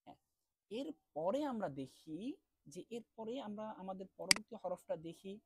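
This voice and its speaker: A man teaching an online class, explaining letter sounds step by step and drawing each sound out slowly, then asking questions and answering them himself. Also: high-pitched, heavy background noise. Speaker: Quran recitation teacher.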